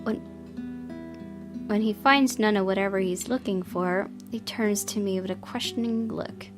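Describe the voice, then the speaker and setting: Here a woman's medium-pitched voice runs a little slow. As a gaming host she reads a visual novel aloud expressively and dramatically, occasionally faltering, with guitar music in the background.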